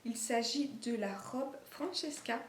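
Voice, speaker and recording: Late in the day in a room at home, a woman with a non-native French accent casually shows off clothes she sewed, stumbling through fillers and restarts. Her voice is fairly high but darkish in tone, and she takes her time. The recording is echoey with faint background noise.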